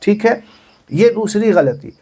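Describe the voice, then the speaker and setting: A man's voice: high-pitched, very animated, measured pace, warm tone, breathy edge. A man gives religious instruction. He goes step by step, repeating himself and asking questions he then answers, in the manner of a patient teacher.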